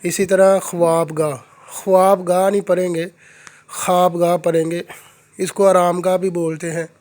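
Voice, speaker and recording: A man teaching Urdu pronunciation, repeating each word slowly and deliberately in a lesson. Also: sits high, level tone, darkish tone.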